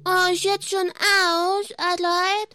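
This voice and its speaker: A woman's voice: level tone, sharp tone, faint music behind, full character voice. A woman voicing a small, curious child who chats with her during a children's religious program. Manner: slow, squeaky, far-off little voice.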